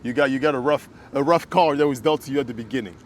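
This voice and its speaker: A man from Kinshasa, Congo, talks fast in a mid-range voice, co-hosting a casual conversation. He is earnest and emphatic, often repeating words as he builds a point. A little hiss or hum is audible.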